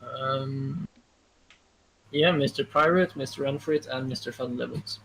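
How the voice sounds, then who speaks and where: Man, Norwegian accent, husky tone, hesitant, casual recap chat. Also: medium pitch, a little slow, a bit bright, poor audio. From Norway. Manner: hesitant, many ums, self-deprecating. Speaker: co-commentator.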